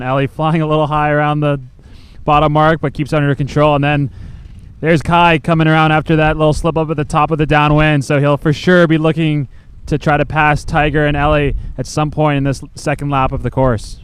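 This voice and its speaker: A man giving live race commentary in a steady, informative, analytical way. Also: fairly high pitch, a little fast, clear, resonant tone.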